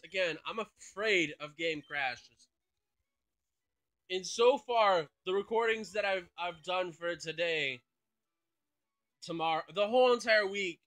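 A man's voice: sits high, fairly bright tone. A man hosting a gaming channel, thinking aloud and swearing casually through let's play commentary.

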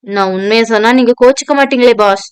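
A woman's voice: on the high side, fast talker, clean tone, no echo, natural voice. A woman voicing a patient, weary young male assistant pleading with his drunk boss.

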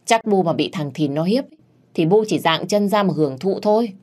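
A woman's voice: lowish voice, expressive, normal speed, darkish tone, lightly acted. A woman voicing a tough young wife who talks back sharply and defiantly.

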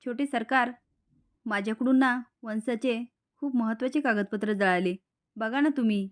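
A woman's voice: on the high side, normal speed, lightly acted. Flustered schemer, read by a woman. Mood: pleading.

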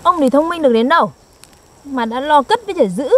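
A woman's voice: sits high, lively intonation, fairly quick. A young woman, performing in a scripted comedy skit and teasing and scolding her partner in an exaggerated way. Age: young adult. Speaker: comic actor.

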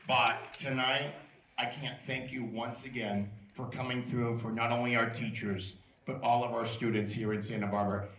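A man working as a live auctioneer, calling out to a crowd like a showman with drawn-out, projected calls. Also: mid-range voice, fairly even intonation, fairly bright tone, far from the mic. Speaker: charity auctioneer. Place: large outdoor courtyard dinner event. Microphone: handheld microphone through PA. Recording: echoey PA from afar, crowd noise.

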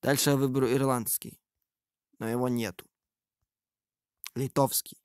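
A man's voice: mid-range voice, flat delivery, moderate pace, a little mellow, clear, resonant tone, dry recording, clean studio sound. A man giving casual, improvised screen-recording commentary, hesitantly thinking aloud. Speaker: video creator.

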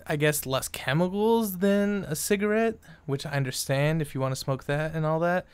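A man's voice: a little high, normal speed, clean tone, no room sound. Young male vlogger, exasperated, swearing a lot, rambling opinions; clean, resonant tone, dead-dry room. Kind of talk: casual opinion rant.

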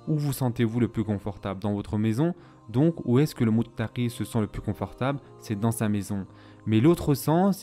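A man speaks in a relaxed, dark-toned voice, close to the mic. He lectures steadily and explains each point, slipping Arabic phrases into his sentences. Soft music plays quietly behind him. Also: medium pitch. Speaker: Islamic history teacher. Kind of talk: French voice-over lecture on Islamic history.

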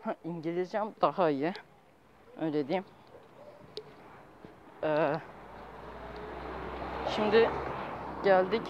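Walking outdoors through city streets, a young man vlogs on a handheld phone held at arm's length, his high voice coming out in halting, rambling fragments full of self-corrections. The audio is dull, with street noise in the background.

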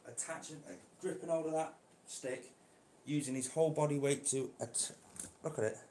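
A man keeping reptiles, chatting casually to viewers while gently coaxing and handling a snake indoors. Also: on the high side, steady tone, normal speed, roomy sound, a little hiss or hum. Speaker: reptile keeper vlogger. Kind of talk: casual vlog. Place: indoor room.

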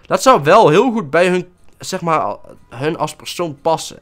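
Young male let's-player, playful and theatrical, fairly high, very lively pitch. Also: measured pace. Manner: playful, voices his character with mock emotional outbursts. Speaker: gaming YouTuber. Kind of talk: casual let's-play commentary.

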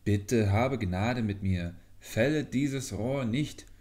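A tiny young man who speaks from inside a bamboo stalk, raised in pitch and plaintive, yet insistent when he gives orders. A male narrator puts this voice on as he reads the fairy tale aloud. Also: lively intonation, a little slow, a little mellow. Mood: pleading. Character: tiny young man trapped in bamboo, pleading then commanding.

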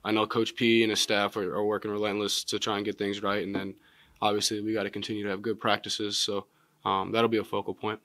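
A young man in his twenties, a college basketball player answering postgame press questions in a measured way with many filler words, seated at a table mic in a press room. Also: fairly low pitch, little pitch movement, fairly bright tone, no echo. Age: 20s. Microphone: table mic in front.

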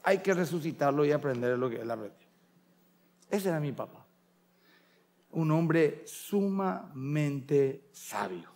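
A man's voice: on the high side, lively intonation, slow, long pauses, darkish tone. A middle-aged man with a Paraguayan Spanish accent, a pastor preaching a sermon and telling family stories while acting out the voices of relatives.

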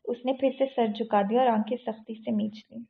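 Gravelly woman narrating a novel. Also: on the high side, fairly even intonation. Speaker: audiobook narrator. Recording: tinny phone-like audio.

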